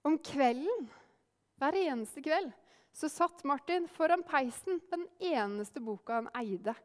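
A woman telling a folk story aloud, lively, acting out the characters' lines herself. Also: sits high, long reverb tail. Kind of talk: oral storytelling.

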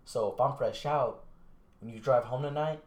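A young man on a podcast casually telling a long story, swearing freely and acting out the other people's lines in a lower mumble. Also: normal speed. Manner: relaxed, swearing, acts out quotes in a low mumble. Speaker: podcast host. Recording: echoey room.

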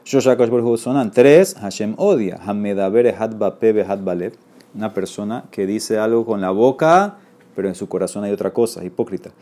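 In a Talmud class, a man reads Aramaic and then explains it in Spanish, often checking in with listeners by asking "¿ok?". His voice is lowish and mellow, at a normal speed.

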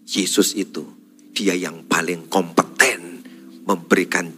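A man preaching a church sermon in Indonesian with a Javanese accent, pressing warnings again and again and swinging between loud emphasis and hushed asides. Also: low voice, fairly even intonation, slow pace. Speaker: pastor. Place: church service.

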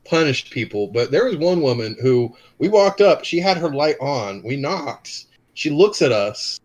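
A man co-hosting a podcast in casual chat, cracking dry deadpan jokes. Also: fairly high pitch, unhurried, low-quality recording. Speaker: podcast co-host.

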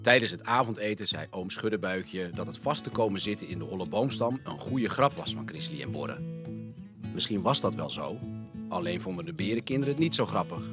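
A man narrating a children's storybook in an expressive manner. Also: deep voice. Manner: animated, expressive.

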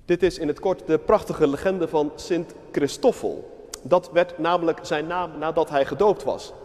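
A male preacher retells a legend in a measured storytelling sermon. His voice is high for a man, and a long reverb fills the church around him. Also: darkish tone.

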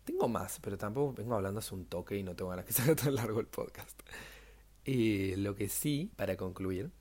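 Young Argentine man, solo podcast host; fairly low voice, chatty, self-deprecating, pitch leaps when excited. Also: moderate pace, slightly rough. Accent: Rioplatense Spanish. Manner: chatty, self-mocking, animated jumps in pitch. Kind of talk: casual solo podcast monologue.

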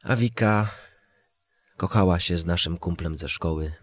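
A man's voice: sits low, measured pace. A man narrating a first-person story in a plain, matter-of-fact way.

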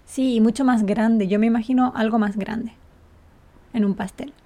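A woman with a lilt and a fairly high voice, co-hosting a relaxed podcast. She explains things patiently and breaks into easy laughter often. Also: normal speed. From Canary Islands. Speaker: podcast co-host and Spanish teacher. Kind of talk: casual chat.

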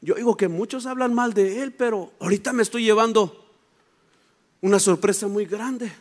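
A man doing a quiet, uneasy tax collector. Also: sits high, moderate pace, natural voice. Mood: curious. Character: male tax collector, worried, greedy.

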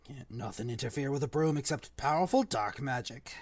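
A rough-spoken giant groundskeeper, gruff and uneasy, as a reader puts him on. The voice drops low and quiet, nearly mumbling, with a dry, close sound. It comes from a storybook reading. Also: expressive, brisk, no room sound, lightly acted. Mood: worried. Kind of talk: audiobook reading.

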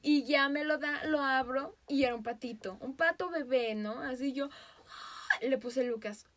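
A woman with a Mexican Spanish accent, hosting a podcast and telling a story in a casual, animated way, often breaking into laughter. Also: high voice, unhurried. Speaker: podcast host.

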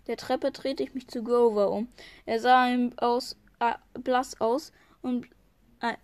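Woman, higher voice, amateur read-aloud of a novel, frequent slips and restarts, dry close recording. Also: a little mellow, no room sound. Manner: stumbles and restarts often. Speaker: reader.

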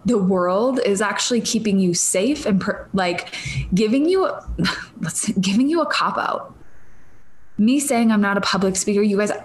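A Minnesotan woman in her thirties hosts a casual solo podcast, rambling in a stream-of-consciousness way and tossing in laughing asides. Her medium-pitched voice moves a little slowly, with slight background noise behind it.

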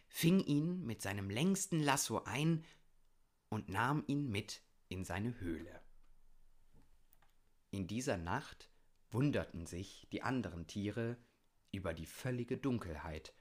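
A man reads a children's story aloud in a calm, gentle manner. His voice is fairly low and he takes an unhurried, slow pace.

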